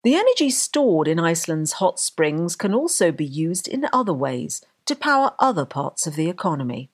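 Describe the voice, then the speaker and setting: Husky woman narrating, lively pitch. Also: normal speed. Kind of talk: scripted documentary narration.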